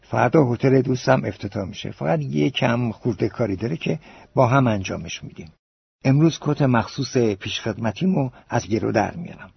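A male narrator voicing an excited, cheerful young man in an audiobook. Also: mid-range voice, vocal fry, husky, full character voice. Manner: eager, excited. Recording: dull lo-fi recording.

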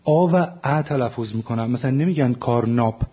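A man's voice: mid-range voice, husky, lo-fi sound. A man, a translator, explaining his choices in an academic panel discussion, often stopping to correct himself. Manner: explanatory, frequent self-corrections and fillers.

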